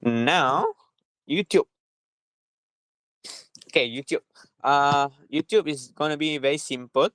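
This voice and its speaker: A man's voice: fairly high pitch, slow pace, long pauses, a bit bright, clear, resonant tone, no echo. A man with a Malaysian accent giving an informal lesson as a tutor, repeating himself and often tagging phrases with little checking words. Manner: repetitive, punctuating with "right?" and "lah". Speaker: chemistry tutor.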